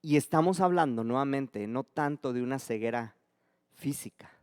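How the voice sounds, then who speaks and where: A man preaching a sermon as pastor, swinging between loud emphatic calls and soft, dropped lines. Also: medium pitch, normal speed, smooth, no room sound, studio quality.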